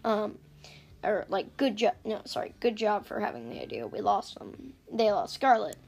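A woman's voice: mid-range voice, big pitch swings, normal speed, creaky, darkish tone. A woman hosting a casual podcast, rambling chattily and cutting herself off with giggly asides, recorded on an iPad. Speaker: podcast host recapping books. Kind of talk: casual chat.

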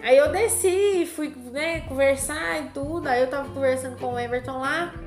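A woman's voice: high voice, moderate pace, echoey room, soft background music. A woman, co-hosting a casual chat and telling a personal story with lots of drama.

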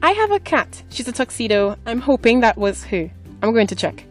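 A woman's voice: on the high side, very animated, normal speed, faint music behind. Chatty young woman podcast host. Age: 20s. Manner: chatty, rambling, self-mocking. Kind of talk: casual solo podcast chat. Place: small clothes closet at home.

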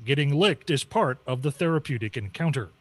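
A man's voice: mid-range voice, lively intonation, fairly quick, dry recording. A man co-hosting a morning radio show, chuckling often and reading segment lines in a wry way. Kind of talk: casual morning radio banter.

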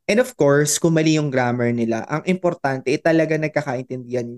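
A man with a Filipino accent co-hosting a casual talk show, animated and laughing often, switching between Filipino and English. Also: fairly high pitch, brisk. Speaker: podcast co-host, teacher. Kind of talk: casual chat.

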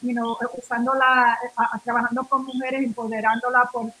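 Speaking at a moderate pace in a slightly high, level, pushed and bright voice, a New York woman of Puerto Rican family talks casually as a radio interview guest. Her Nuyorican Spanish rambles with fillers and restarts and mixes in English words. The recording is rough, with slight background noise.

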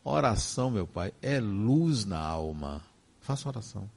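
An older man with a Brazilian Portuguese accent, giving a personal testimony as a spiritist speaker in slow, emphatic, emotive storytelling. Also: on the low side, sing-song, gravelly, a little mellow.

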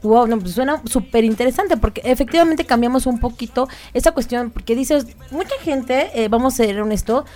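A woman's voice: fairly high pitch, brisk, few pauses, warm tone. A woman hosting a radio interview, chatty and full of fillers and restarts. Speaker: radio show host. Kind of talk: casual interview chat.

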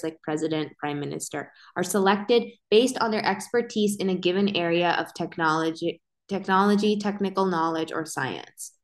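A woman co-hosting a podcast, chatting casually in an opinionated, slangy, informal way. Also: mid-range voice. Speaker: podcast co-host.

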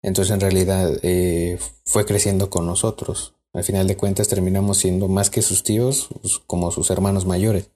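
This man speaks with a Mexican accent, and his low, warm voice stays flat at a moderate pace with hardly any pauses. As a podcast co-host, he rambles through a spooky personal story, restarting often and leaning on fillers.

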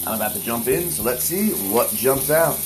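A man giving emphatic, deliberate motivational affirmations and recitations while standing in a shower. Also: medium pitch, lively intonation, music in the background. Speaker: host. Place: indoor shower with running water. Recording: roomy echo, distant mic, loud running water.

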